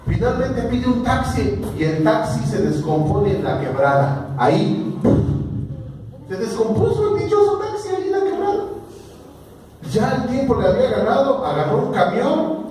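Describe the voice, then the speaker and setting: A man's voice: very high-pitched, big pitch swings, moderate pace, a little mellow, a little hiss or hum. A Mexican man preaching a sermon as pastor, telling stories and asking the congregation questions. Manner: storytelling preacher who asks the congregation questions. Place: church hall. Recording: echoey church hall recorded from far off.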